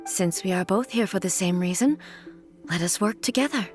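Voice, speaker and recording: An actress voicing a calm, stern divine ruler who speaks in a measured, formal, commanding way. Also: female voice, mid-range voice, soft background music, close to an everyday voice.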